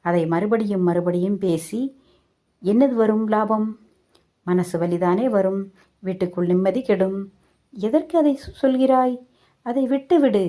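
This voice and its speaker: A woman voicing a kindly old village grandmother who gently consoles and urges calm. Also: mid-range voice, measured pace, long pauses, lightly acted. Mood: consoling.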